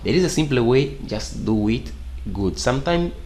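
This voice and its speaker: Here, the same young Portuguese-speaking man teaches programming in English with a medium-pitched, animated, slightly mellow voice at a moderate pace. His screen-share tutorial is casual and rambling, with non-native grammar and repeated "okay?" checks, over slight background noise.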